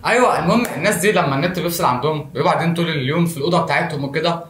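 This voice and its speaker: A man with an Egyptian accent delivers a self-mocking comedy monologue at breakneck speed. His voice sits slightly high, and the phone recording picks up a lot of room echo. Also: racing, a bit bright, a little hiss or hum. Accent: Egyptian Arabic. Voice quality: jokey, self-mocking asides. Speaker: comedy show host. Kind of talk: comic monologue to camera. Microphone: phone camera. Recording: roomy echo.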